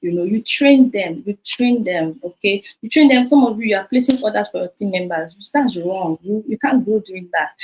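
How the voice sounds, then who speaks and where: A Nigerian woman in her thirties coaches her sales team, talking into her phone. She is lively and direct, with a mid-pitched voice, and slips in Pidgin while she repeats each key point. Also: poor audio. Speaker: business coach.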